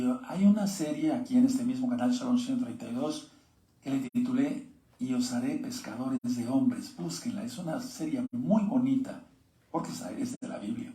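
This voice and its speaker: A man's voice: medium pitch, dark tone, roomy sound. A man, teaching a sermon-style Bible lesson and reading scripture aloud with asides to his viewers.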